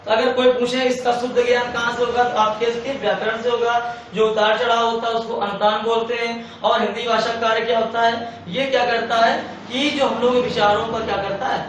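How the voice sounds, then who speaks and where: A man's voice: very high-pitched, little pitch movement, brisk, hardly any pauses, fairly bright tone. A man teaching an exam-prep lecture, asking questions and answering them himself, repeating key points. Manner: repetitive, asks and answers own questions. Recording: echoey room, far from mic, faint hiss.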